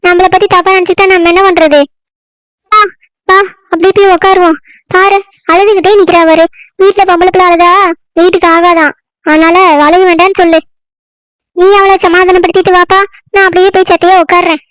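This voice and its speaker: A sly, scheming mother-in-law, played by a woman who pleads in a very high, soft voice. The recording is dry and close, as in a comedy skit. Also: level tone, a little fast, pauses often, no room sound. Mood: pleading.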